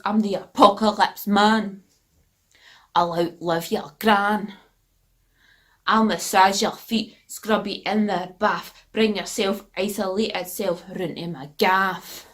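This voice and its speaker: Woman, slow talker, deadpan comic poet. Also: medium pitch. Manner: crude, deadpan delivery. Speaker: comedy poet. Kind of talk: comic poetry performance.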